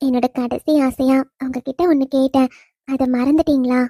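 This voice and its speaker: Cartoon: loving ghost wife, high mellow voice, teasing, woman performer. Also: level tone, moderate pace, dry recording, clean studio sound. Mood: tender teasing. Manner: affectionate teasing, soft laughs. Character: young wife's gentle spirit, teasing and loving. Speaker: dead wife visiting husband. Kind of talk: cartoon voice acting.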